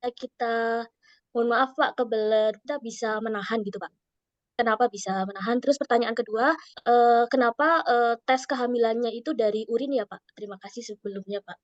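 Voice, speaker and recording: A woman's voice: on the high side, a little fast, no echo. A woman politely asking questions in an online class, her voice breaking up and cutting out over a weak call connection. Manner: polite, deferential. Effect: choppy audio breaking up over a weak call connection. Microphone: video call. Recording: dull, dry online call audio.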